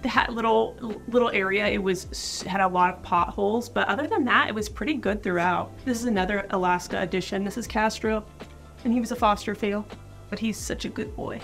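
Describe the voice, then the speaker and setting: A woman's voice: medium pitch, fairly quick, vocal fry, soft background music. Chatty young woman vlogging indoors. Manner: chatty, relaxed, informal with fillers. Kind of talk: casual advice talk to camera. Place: indoor room with wood-panelled walls.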